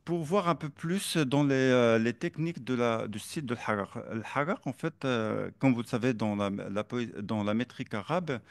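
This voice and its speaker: A man's voice: mid-range voice, normal speed, hardly any pauses, dry recording, clean studio sound. A man giving an academic seminar lecture, hesitant with many fillers and restarts, now and then reciting Arabic verse and metrical feet. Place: seminar room.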